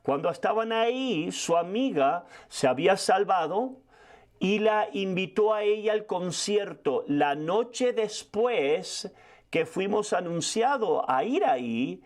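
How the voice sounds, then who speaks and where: A man in his sixties telling a story in a sermon as a preacher, quick and full of restarts. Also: high voice, expressive. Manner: fast storytelling with frequent restarts. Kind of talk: sermon testimony.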